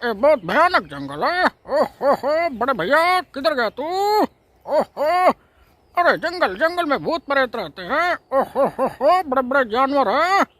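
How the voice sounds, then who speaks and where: A man's voice: very high voice, big pitch swings, slow, fairly bright tone, no room sound, pitched above the performer's own voice, full character voice. A man voicing a chubby, easily scared male cartoon hero who keeps chuckling "oh ho ho" between his lines. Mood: lost, calling.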